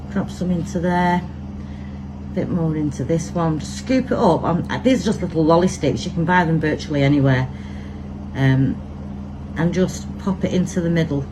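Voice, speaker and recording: Demonstrating resin work, a woman from Manchester with a lowish voice keeps up an easy chat and thinks aloud as she goes. Traffic passes and a steady background noise sits under her voice.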